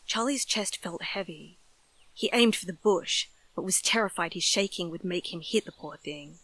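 A woman's voice: lowish voice, normal speed, fairly bright tone, poor audio. A woman narrating a scripted horror story in a dramatic storytelling style.

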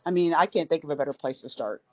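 A woman's voice: sits low, quick pace, dry recording. A woman joining a sports show as a guest reporter, chatting casually, stammering and laughing at herself. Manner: self-deprecating, stammering, laughing. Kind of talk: casual call-in chat. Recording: dull lo-fi line.

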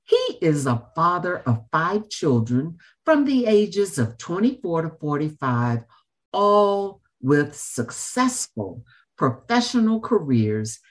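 A woman hosting an interview in a formal, measured and emphatic manner, with deliberate phrasing. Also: on the low side, big pitch swings. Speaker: show host and interviewer. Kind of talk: formal scripted introduction and interview.

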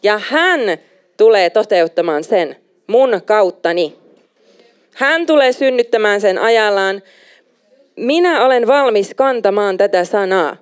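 A young adult woman preaching a sermon, emphatic and animated, slipping in English phrases now and then. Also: mid-range voice, clean tone.

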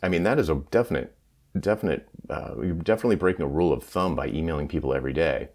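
Very deep-voiced man, tinny tin-can phone sound. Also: very fast, a little mellow. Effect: tinny tin-can sound from wrong microphone. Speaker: podcast host. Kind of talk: casual conversational podcast talk.

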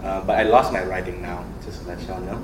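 Talking quickly, a young Thai man with a fairly low voice opens up about himself during a group discussion, earnest and animated, full of fillers and frequent laughter. A crowd can be heard behind him, and the space has a roomy echo with clear background ambience.

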